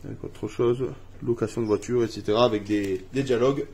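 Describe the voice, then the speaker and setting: A man's voice: medium pitch, steady tone, fairly quick, a little mellow, husky. A man from France casually unboxing a family board game at home, reading cards aloud and laughing at his own English accent.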